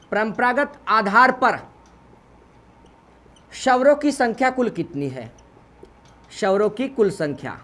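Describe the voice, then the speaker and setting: A man's voice: sits high, a bit bright. A man with an Uttarakhand Hindi accent teaching a grammar class for exam students. He repeats each point several times and quizzes the class, answering his own questions and tagging "ji" onto his lines. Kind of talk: exam-prep lesson.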